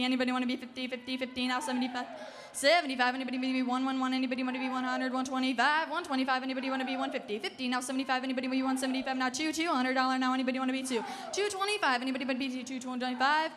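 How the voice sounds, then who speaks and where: A teenage young woman calling bids in a fast, repetitive, rolling auctioneer chant on a ballroom stage. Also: high-pitched. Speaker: junior auctioneer contestant. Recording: hall reverb, noisy ballroom stage.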